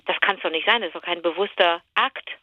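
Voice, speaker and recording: Bright, giggly woman podcast host. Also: lowish voice, quick pace, dry recording, dull audio. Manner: giggly, playful, self-mocking. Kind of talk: casual podcast chat.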